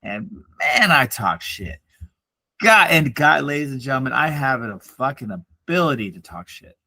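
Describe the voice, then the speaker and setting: A man's voice: medium pitch, normal speed, no echo. A man in his forties co-hosting a podcast, ranting and telling stories with lots of swearing. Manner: profane, ranting, animated storytelling. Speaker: podcast co-host. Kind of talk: casual chat.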